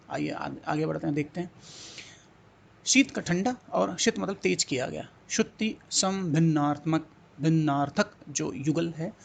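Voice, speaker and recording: Slightly high in pitch, with vocal fry and a bit of background noise, a man leads a Hindi exam-prep class. He keeps repeating words and asks coaxing questions that push students to think and answer.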